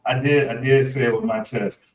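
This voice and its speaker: A man's voice: mid-range voice, steady tone, a little fast. A man hosting a casual podcast chat, laid-back and often restarting his words. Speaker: podcast host. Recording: roomy echo.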